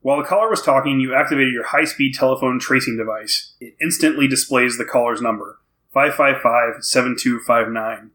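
A man leading a tabletop story game, explaining the rules and reading the opening story card aloud at a steady pace. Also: mid-range voice, fairly quick, low-quality recording.

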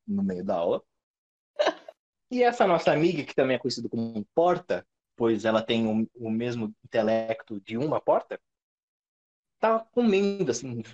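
A young man, telling school stories on a podcast with animated swearing and sudden pitch leaps. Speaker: podcast host. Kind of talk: casual storytelling chat. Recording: dull lo-fi audio.

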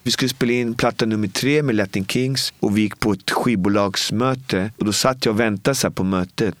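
Casual deep-voiced man telling a personal story. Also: no echo. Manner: casual and heartfelt, with frequent filler words and quoted dialogue. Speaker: guest.

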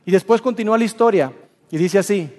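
A man preaching, retelling a story in a lively, colloquial way. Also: high voice, fast. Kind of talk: sermon storytelling. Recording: long hall reverb.

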